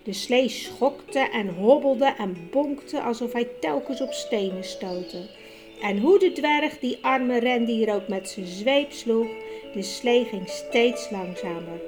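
Slow, calm woman storyteller over music. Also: on the high side. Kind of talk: audiobook narration for children. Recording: music bed behind the reading.

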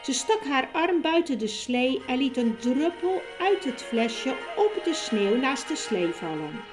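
A woman narrating a children's storybook in an expressive, measured way. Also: high voice, music in the background. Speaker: audiobook narrator.

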